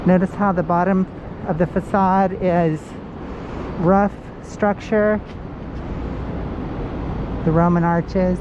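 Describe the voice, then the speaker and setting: A woman giving a walking tour outdoors on city streets, making brief, unhurried remarks about the buildings she passes, recorded on a body-worn action camera. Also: fairly low pitch, fairly even intonation, highs cut off. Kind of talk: casual tour narration. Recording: loud street traffic noise.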